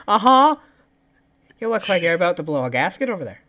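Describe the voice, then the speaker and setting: A man's voice: fairly high pitch, lively intonation, rapid-fire, fairly bright tone. A man playing a character in a tabletop game, joking around and laughing often. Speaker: player.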